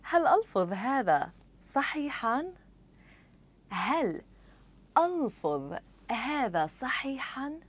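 A woman's voice: high-pitched, very animated. Woman carefully repeating lesson phrases. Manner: careful, deliberate repetition of phrases. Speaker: model speaker for phrase repetition. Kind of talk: scripted phrase drills.

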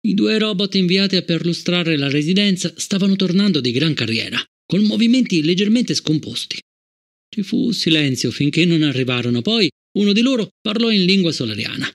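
A man narrating an audiobook in a measured, even storytelling manner. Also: sits high. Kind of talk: scripted narration.

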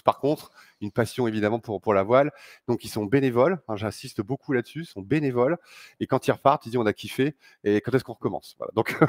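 A man's voice: medium pitch, no echo, studio quality. A middle-aged man, founder of a sailing project, speaking enthusiastically at an indoor conference with many fillers. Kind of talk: conference talk. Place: large sailing showroom, indoors.

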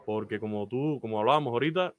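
A Cuban man in his thirties, a baseball announcer, talks quickly in a mid-range voice as an interview guest on a video call. Speaking with a Cuban Spanish accent from a small indoor room, he earnestly recounts his career and offers advice, often filling pauses with "eh."

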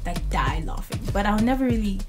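A woman's voice: mid-range voice, expressive, brisk. Young woman rapper, laid-back podcast guest. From South Africa. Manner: laughing, loose, many fillers and restarts. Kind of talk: casual interview chat. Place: podcast studio. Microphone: studio mic on boom arm, headphones. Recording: music bed behind voice.

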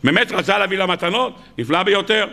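A man, a rabbi, giving a lively sermon to a live audience, firing off rhetorical questions with mock disbelief and humorous asides. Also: sits high, vocal fry. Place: lecture hall with live audience.

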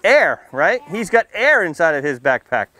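His pitch is fairly high and sing-song, delivered at a moderate pace in a bright, forceful tone. Playing the firefighter for a small group of kids under a tent canopy next to a building, he keeps the safety lesson simple and playful. Questions come often, along with teasing and check-ins like "okay" and "right."

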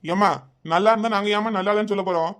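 A man's voice: high voice, steady tone, racing, fairly bright tone. A man voicing a scolding, complaining middle-aged village husband in a cartoon comedy, with a Kanyakumari Tamil accent.

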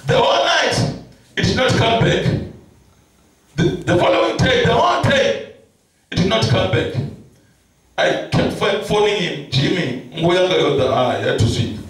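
High-voiced Venda-accented pastor in an echoing hall. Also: male voice, animated, unhurried, pauses often, far from the mic. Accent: South African, Venda. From South Africa. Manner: storytelling, acting out voices in his tale, calls and responses. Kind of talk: sermon with mass prayer. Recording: very echoey hall, picked up from afar, music behind.

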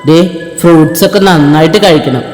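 A devoted young husband in a spoken storybook, voiced by a male narrator, gentle and reassuring, his voice a little high for a man. A long reverb rings around him, with faint music beneath. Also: fairly quick, natural voice.

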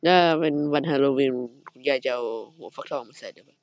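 A man giving excitable horror game commentary, swearing and talking back to the game character. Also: mid-range voice, brisk, no room sound, lo-fi sound. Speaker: gamer.

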